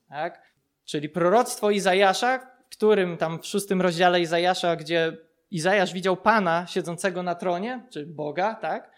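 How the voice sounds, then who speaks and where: A man giving an informal Bible lesson, explaining step by step, often checking in with his listeners and laughing softly. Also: high-pitched. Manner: explanatory, frequent checking tags and soft laughs. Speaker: Bible teacher.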